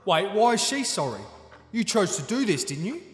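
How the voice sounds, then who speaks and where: Smug mountain king for audio drama, high voice, mocking and chuckly, long roomy reverb. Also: big pitch swings, moderate pace. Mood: taunting. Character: gleeful smirking male Nome King, mocking villain of a mountain. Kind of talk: full-cast fantasy audio drama acting.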